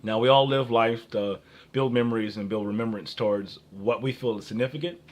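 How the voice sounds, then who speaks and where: A man's voice: fairly low pitch, fairly quick. A man in his early twenties with an American accent gives off-the-cuff relationship advice and personal anecdotes, rambling, often breaking off and repeating himself. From Minnesota, United States. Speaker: dating advice vlogger.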